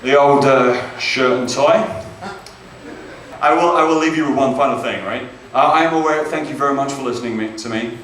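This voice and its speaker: A man's voice: medium pitch, fast, hardly any pauses, fairly bright tone, far from the mic. A British man doing a stand-up comedy set, chatty and self-deprecating, often checking in with "right?". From Britain. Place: comedy club stage. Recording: echoey club, mic heard from afar.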